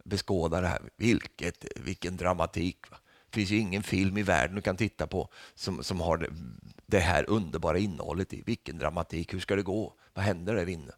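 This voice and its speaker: A man preaching a sermon, lively and humorous, often tagging lines with a questioning "va?", and rising to loud calls when he quotes. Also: low voice, no room sound, clean studio sound. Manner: rises to loud calls when quoting Jesus.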